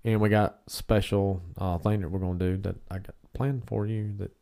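A man with a smoker's rasp, bantering casually as a podcast co-host. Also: fairly low pitch, fairly even intonation, normal speed, warm tone. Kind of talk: casual beer-review banter.

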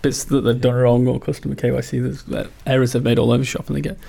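Gravelly male co-host, casual podcast chatter, loose and chatty. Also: mid-range voice, little pitch movement, quick pace, dark tone. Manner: chatty, trailing restarts. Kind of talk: casual chat.

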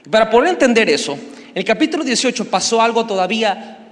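A man preaches a sermon and tells the story in casual slang, with humor along the way. His voice sits high for a man. A long reverb trails each phrase, as in a church hall. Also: big pitch swings, fast, a bit bright. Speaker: pastor.

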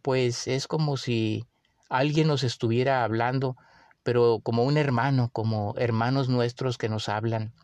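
A man with a Mexican accent hosting a podcast, musing in a relaxed way with many pauses and fillers. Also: mid-range voice, no room sound. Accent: Mexican Spanish. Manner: unhurried, with frequent fillers and restarts. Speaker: podcast host. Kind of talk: casual reflective monologue.

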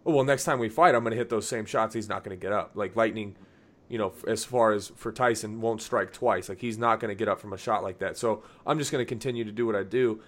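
A man's voice: fairly low pitch, fast. A man hosting a podcast in casual chat, telling stories with lots of fillers and acting out what others said. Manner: animated storyteller, acts out quotes; laughs often, many fillers. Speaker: podcast host.

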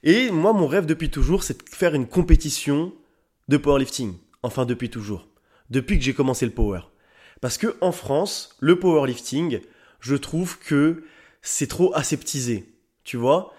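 A young man hosting his own podcast, talking casually and straight to his listeners in a slangy, excitable way. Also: a little high, normal speed, breathy edge. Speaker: podcast host. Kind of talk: casual solo podcast talk.

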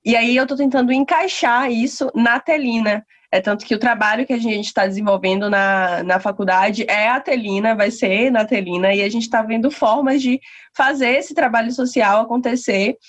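A woman's voice: on the high side, moderate pace. A young adult woman who runs a surfwear brand, speaking as a guest in a thoughtful, rambling way. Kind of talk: casual podcast chat. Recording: dull lo-fi audio.

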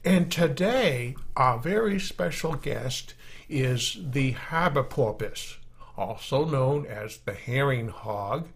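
A man with a Maine accent presenting an informal podcast in a folksy, somewhat halting way. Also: medium pitch, lively intonation, vocal fry. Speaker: podcast host. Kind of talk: informal podcast presenting with weather and nature segments.

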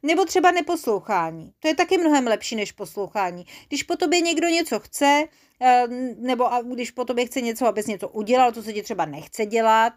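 Storybook casting: a woman playing a cheeky little male creature, high and eager. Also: animated, lightly acted.

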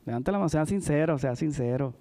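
A man's voice: a little high, animated, a little fast, dark tone. A man preaching a sermon in a church, telling personal stories in a chatty way and often checking in with the congregation. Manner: chatty, frequent "¿verdad?" asides, addresses the congregation.

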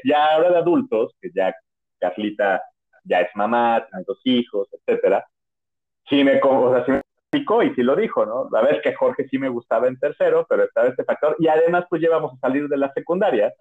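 A man with a Mexican accent telling personal stories on a podcast in a casual, rambling way, with many restarts and fillers. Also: medium pitch. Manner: chatty, rambling, full of "o sea" and restarts. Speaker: podcast host. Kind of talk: casual storytelling. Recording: narrow phone-like audio.

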